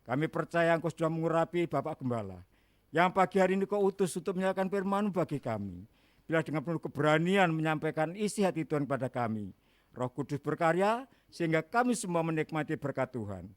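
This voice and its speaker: A man leading an earnest, measured prayer before the sermon. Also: a little high, very animated, dry recording. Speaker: worship leader leading prayer. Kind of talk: church prayer.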